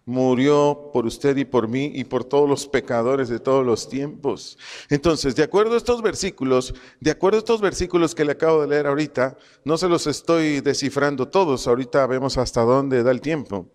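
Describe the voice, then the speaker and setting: A man's voice: medium pitch, normal speed, darkish tone, in a large hall. A man teaching a Bible study, asking questions and answering them himself, repeating key phrases and spelling out Greek words.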